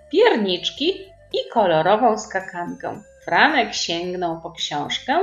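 Woman reading a kids' bedtime story slow, lively voice, roomy dull recording with faint music. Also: medium pitch. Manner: gentle, addresses listeners as kids. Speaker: storyteller for children. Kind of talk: reading a children's story aloud.

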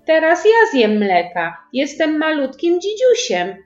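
A woman putting on a sulky little girl who feels unloved, whining in a high, childish voice. The pitch jumps all over and the pace is unhurried. The recording is roomy and a bit dull, with soft music under it. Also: big pitch swings. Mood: defiant. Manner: whiny, pouting, high childish voice. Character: sulky jealous little girl, big sister. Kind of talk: storybook reading.

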